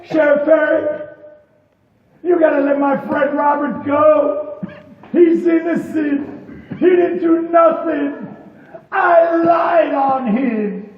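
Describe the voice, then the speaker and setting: A man voicing desperate old-time townsfolk who plead melodramatically and loudly in a live ghost tour story. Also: high voice, fairly quick, close to an everyday voice. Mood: anguished pleading. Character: desperate condemned-era townsfolk pleading with the sheriff. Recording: echoey distant room, dull noisy audio.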